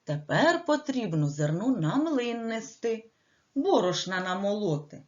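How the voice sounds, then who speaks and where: A woman voicing squeaky, lazy, playful little mice in a storybook tale, on a dull lo-fi recording. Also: very animated, unhurried, a little mellow. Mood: squeaky refusal. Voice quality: high squeaky.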